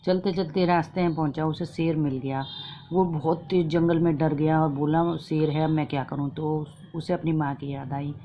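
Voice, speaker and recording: A woman casually retelling a folk fasting tale in a plain, homely way with repeated phrases and fillers. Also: deep voice, fairly even intonation, muffled recording, slight background noise. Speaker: storyteller.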